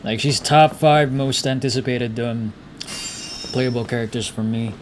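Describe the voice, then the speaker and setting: A man with a mid-range voice streams a video game at an unhurried pace, musing aloud in casual, slangy commentary. Game audio plays in the background, and the recording carries noticeable background noise.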